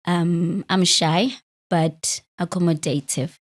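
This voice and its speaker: A woman in her late thirties from South Africa's Free State hosts a podcast, talking openly in a conversational interview with self-deprecating humor and easy laughter. Her voice sits fairly low, with a steady tone and a slow pace.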